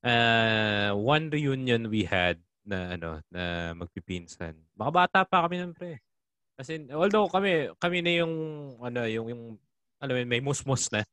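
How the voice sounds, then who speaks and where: A man's voice: lively intonation, moderate pace, a bit bright, no room sound. Laid-back man, dry sound. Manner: casual, says "pre" often, pitch jumps when surprised. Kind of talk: casual storytelling chat.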